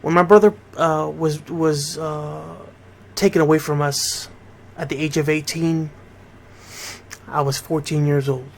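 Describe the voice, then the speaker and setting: His voice is a little high, steady and creaky, and he doesn't rush. He's a middle-aged radio host and DJ from Bridgeport, Connecticut, talking casually and directly to his listeners.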